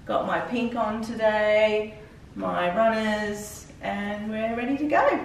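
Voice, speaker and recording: A woman giving a casual vlog update in a relaxed, everyday chatting style. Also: mid-range voice, slow pace. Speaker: vlogger. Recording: very echoey, distant mic, faint noise.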